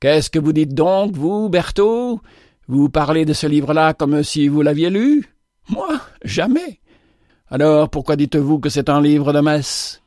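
A man's voice: on the high side, lively intonation, measured pace, darkish tone, no echo. Through a dry, close sound, a strict old army sergeant lectures his young men in a firm, set voice, as a man reads him out. The tone is somewhat raised, and he is a hardened veteran. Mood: lecturing.

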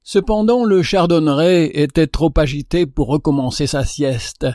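A man narrating a fable in an expressive, measured reading. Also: on the high side, no room sound, clean studio sound. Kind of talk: storybook narration.

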